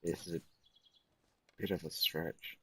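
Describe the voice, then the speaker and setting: Man, extremely low voice, tired, monotone gameplay commentary. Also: unhurried, slightly rough. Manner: self-described monotone, relaxed and musing.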